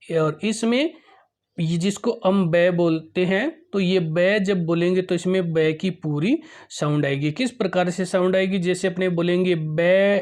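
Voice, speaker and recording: A teacher explaining Hindi vowel signs, spelling out syllables and example words one by one in a slow, deliberate way. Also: mid-range voice, fairly even intonation, a little mellow. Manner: addresses parents and teachers directly.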